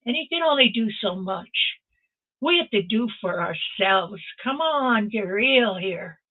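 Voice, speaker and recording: An older woman hosts a stream and delivers an impassioned motivational talk over a video call, urging her listeners on directly. Her mid-range voice is animated and a little slow, and the audio sounds tinny, like a phone call.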